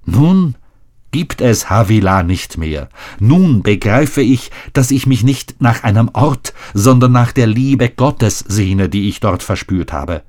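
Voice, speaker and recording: A man's voice: fairly low pitch, expressive, slow, darkish tone, voice pushed up. A man reading aloud, voicing a young woman torn between love and faith, with a trembling, earnest delivery.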